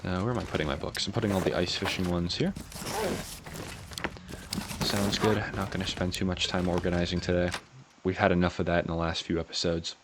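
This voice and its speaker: A man with a low, just-woken morning voice narrates a video game playthrough. He is calm and unhurried, musing aloud as he goes. Clear ambient noise runs behind him. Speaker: gaming channel host.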